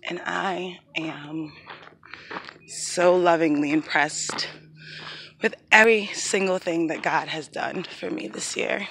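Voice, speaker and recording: Her lowish voice is slow and gravelly with a fairly bright tone, and a little hiss or hum sits under the recording. A woman in her thirties, she walks uphill through an outdoor park trail holding her phone at arm's length for a casual vlog, slightly out of breath, reflective and devout, nearly crying.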